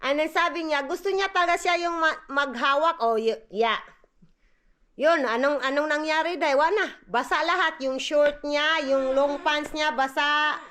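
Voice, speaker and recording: High bright Visayan-accented Filipino mother. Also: measured pace. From Philippines. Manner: chatty, mixes languages, coos at the baby. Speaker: vlogger and mother. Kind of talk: casual home vlog chat. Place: family home indoors.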